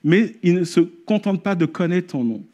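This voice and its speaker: Preaching man, lively and animated. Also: high voice, moderate pace, muffled recording. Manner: storytelling, rising to animated exclamations. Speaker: pastor. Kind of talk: sermon. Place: church service.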